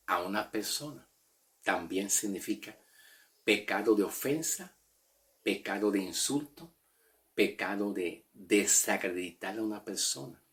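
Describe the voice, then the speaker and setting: A man teaching a Bible lesson in Spanish, explaining Greek words slowly, repeating himself and checking in with "ok?". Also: fairly low pitch.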